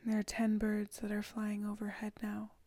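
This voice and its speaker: A woman leading a guided meditation, speaking slowly and softly, often dropping into a whisper. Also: medium pitch, completely flat delivery, no echo. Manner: slow, soft and soothing, often whispered.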